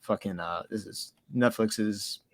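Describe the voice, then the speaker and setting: A man's voice: lowish voice, measured pace, no echo. A man co-hosting a markets show, talking in casual chat, swearing and ranting about the stock market. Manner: profane, agitated ranting.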